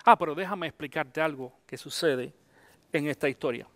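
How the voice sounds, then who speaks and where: Man, middle-aged pastor, high voice, conversational sermon, dry close sound. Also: normal speed, a bit bright, dry recording. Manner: conversational preaching, mixes English phrases into Spanish.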